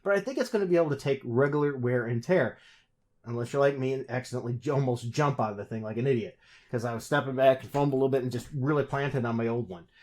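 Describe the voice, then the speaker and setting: A man hosts a casual product review, chatting away and often correcting himself or restarting mid-sentence. His medium-pitched voice has a darkish tone and a quick pace.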